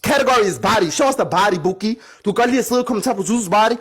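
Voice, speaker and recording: A man's voice: high-pitched, fairly bright tone, husky. A man arguing on a livestream, confrontational and sassy, dropping slang-heavy English phrases into his talk. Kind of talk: heated livestream argument.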